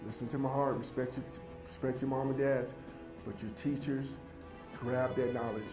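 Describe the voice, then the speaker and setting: Male youth motivational speaker, mid-pitched, heartfelt and direct with the crowd, recorded in a roomy, echoey event hall. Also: fairly even intonation, moderate pace, over music. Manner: emphatic, addresses the audience directly; heartfelt and earnest. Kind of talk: motivational speech to a young audience. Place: large event hall with a live audience. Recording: echoey hall with faint ambience.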